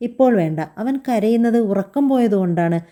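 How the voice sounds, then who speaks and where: A woman's voice: on the high side, expressive, fairly quick, dark tone, lightly acted. A woman voicing a possessive older grandmother who pleads and insists, hurt when she is refused. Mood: coaxing.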